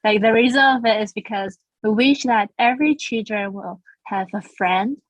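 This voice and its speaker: A Taiwanese woman who started a language school gives an earnest, casual interview marked by frequent restarts. Her voice is mid-range and moderately paced, and the audio is poor, with no room sound.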